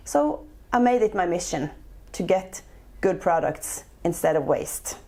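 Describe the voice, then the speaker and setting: Her voice sits lowish and mellow, with lively intonation and a slightly slow delivery. She's a guest being interviewed, a chef and entrepreneur from Norway in her forties, speaking English with a Norwegian accent and hesitating frequently with lots of fillers.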